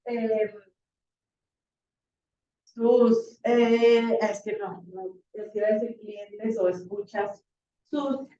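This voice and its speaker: A woman teacher, slightly hoarse, lecturing a class in a chatty, animated way with many fillers. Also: a little high, very slow, long pauses, a little hiss or hum. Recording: roomy, distant, dull classroom recording.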